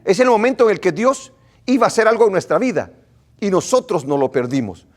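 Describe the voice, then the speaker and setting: A male pastor preaching a sermon to his congregation in an animated way, often repeating and restarting his words. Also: sits high, fairly quick. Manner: animated, acts out what his congregation says.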